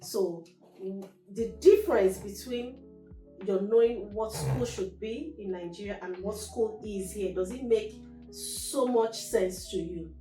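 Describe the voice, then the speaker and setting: A woman hosts a talk show with teenagers, asking chatty, encouraging questions in a warm, medium-pitched voice at a slightly slow pace. The recording sounds roomy and distant-miked, with faint music in the background.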